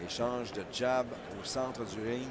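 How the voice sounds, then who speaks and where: A man's voice: medium pitch, steady tone, measured pace. A man with a Quebec French accent calling a boxing match live in short, conversational bursts. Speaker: boxing play-by-play commentator. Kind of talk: live sports commentary. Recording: loud venue noise behind commentary.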